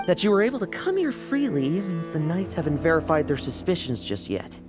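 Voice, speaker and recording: An actor playing a ruthless, commanding schemer who speaks with cool confidence. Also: male voice, a little high, sing-song, fairly quick. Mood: cold. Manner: cold, commanding, coolly confident. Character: ruthless male schemer, cold and reckless. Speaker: game character. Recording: game audio with music behind.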